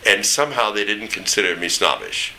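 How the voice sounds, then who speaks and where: Deep-voiced older man, standard American accent. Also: sing-song, brisk, gravelly, sharp tone, slight background noise, low-quality recording. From East Tennessee, United States. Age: older, 70s or above. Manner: rambling, anecdotal, searching for names. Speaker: interviewee recounting memories. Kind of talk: oral history reminiscence.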